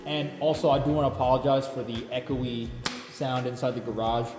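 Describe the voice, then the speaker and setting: A man's voice: mid-range voice, fairly quick. A man casually walking viewers through an unboxing, recorded on a camera mic in a big echoey garage. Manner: relaxed, chatty, explanatory. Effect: big echoey room sound from a garage. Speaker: product reviewer. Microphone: camera mic, lapel mic dead. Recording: echoey garage with music behind.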